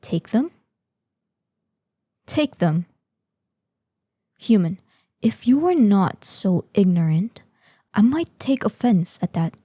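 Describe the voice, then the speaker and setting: Heavily acted and very animated, a woman takes on the role of a proud, imperious ancient dragoness in human form for a scripted fantasy audio drama monologue, sounding haughty and indignant. Her very dark, soft-edged mid-range voice has a breathy edge and gives each formal, archaic phrase slow, measured weight. The recording is close, dry and free of echo.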